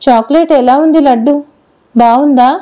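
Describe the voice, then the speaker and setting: A woman's voice: high-pitched, normal speed, mellow, lightly acted. A woman voicing a chatty, affectionate little girl who pouts and prattles in a storybook reading. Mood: eager. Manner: pouting, childlike chatter.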